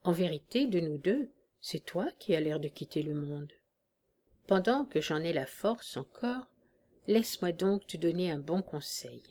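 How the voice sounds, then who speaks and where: A dying old soldier, calm and firm even at the end, as a woman reader speaks him. The voice is low and hushed, and the lines unfold very slowly, with a quiet wry edge. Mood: weary, tender. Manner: weak, hushed, steady.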